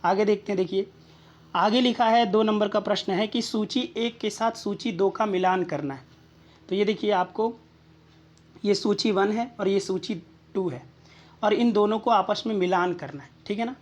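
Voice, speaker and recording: A woman's voice: mid-range voice, normal speed, a little mellow. A woman tutor explaining exam questions and answers step by step, checking in with the listener with small rhetorical questions.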